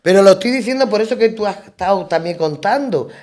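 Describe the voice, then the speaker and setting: Animated middle-aged woman storyteller. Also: medium pitch, fast. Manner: lively storyteller who acts out quoted dialogue; rambling, with restarts and emphatic repetitions. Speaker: guest on a radio talk show. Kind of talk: round-table conversation, anecdote telling.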